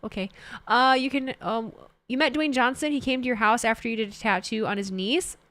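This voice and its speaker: On a dry recording, a thirty-something streamer talks a little fast in a fairly high, somewhat bright voice. She reads out chat messages, rambles casually, and corrects herself as she goes.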